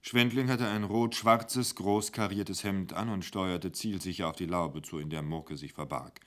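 Deep-voiced male radio storyteller. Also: steady tone, unhurried. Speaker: narrator.

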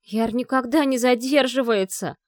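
A woman reading a fierce young woman athlete, voicing her with shrill, frantic outbursts in a storybook reading. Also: big pitch swings, fast talker, gravelly, a little mellow, no echo, clean studio sound. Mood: panicked.

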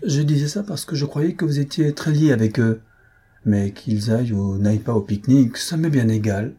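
A kind, gentle young countess speaks earnestly and with sympathy, as a male narrator raises his voice a little to play her. It is a husky, slightly lifted storybook voice. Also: mid-range voice, moderate pace, close to an everyday voice. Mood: polite.

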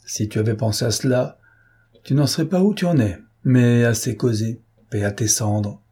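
A man voicing a sly, cocky gentleman thief who teases his captors in an ironic, lively tone, in a read-aloud novel. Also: mid-range voice, normal speed, slightly rough, close to an everyday voice. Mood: mocking.

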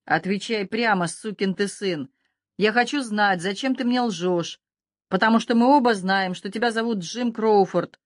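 A woman voicing a big, drunk, belligerent man whose voice is hoarse from cigarettes and drink, shouting in an audiobook. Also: medium pitch, moderate pace, no echo, clean studio sound, close to an everyday voice. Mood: drunk angry. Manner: belligerent, slurred bellowing. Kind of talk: audiobook character voice.

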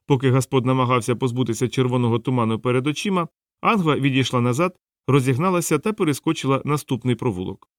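A man reading an audiobook in measured storytelling narration. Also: medium pitch, no echo, studio quality.

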